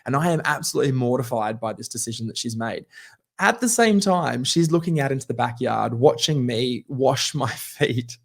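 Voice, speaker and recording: A man's voice: medium pitch, expressive, normal speed, gravelly. Australian man telling a story. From Queensland, Australia. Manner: conversational, anecdotal, with light laughs. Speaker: keynote speaker. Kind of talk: storytelling talk.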